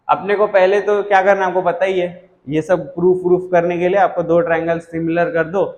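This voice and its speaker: A young male math teacher, slightly higher voice than most men. He talks through a lesson in a chatty, teasing, reassuring way. The sound is dull and lo-fi, in an echoey room. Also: a little mellow, a little hiss or hum. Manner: chatty, teasing, reassuring, works sums aloud. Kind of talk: casual whiteboard math lesson.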